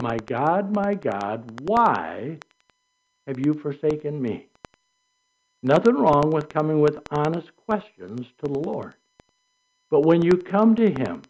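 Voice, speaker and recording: A man's voice: on the high side, darkish tone, rough recording. An older man preaching a sermon in a conversational way, asking rhetorical questions. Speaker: pastor.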